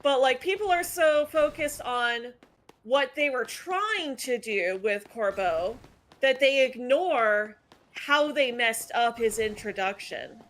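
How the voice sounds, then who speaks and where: A woman's voice: fairly high pitch, expressive, slow pace, fairly bright tone. A woman hosting a casual gaming chat, opinionated and analytical, talking with lots of "like" fillers. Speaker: channel host. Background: faint background music.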